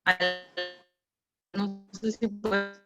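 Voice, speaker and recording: A woman's voice: medium pitch, completely flat delivery, music in the background. A woman student speaking hesitantly in an online class over a choppy video call that keeps breaking up. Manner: hesitant, halting. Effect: choppy, breaking-up video call audio.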